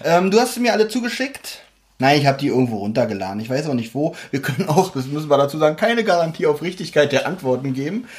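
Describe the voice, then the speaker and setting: A man's voice: fairly high pitch, animated, fast talker. A young man hosting a small quiz on a casual podcast in a room with friends, laid-back and stumbling over words now and then. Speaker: quiz host.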